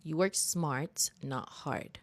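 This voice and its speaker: Low-voiced woman hosting a motivational stream. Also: slow pace. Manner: earnest, motivational, casually swearing. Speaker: livestream host. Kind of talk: casual self-help commentary.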